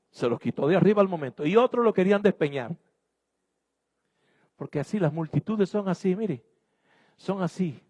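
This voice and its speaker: A man's voice: sits high, darkish tone. A man preaching a sermon as pastor, exhorting his congregation emphatically in a church. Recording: long hall reverb.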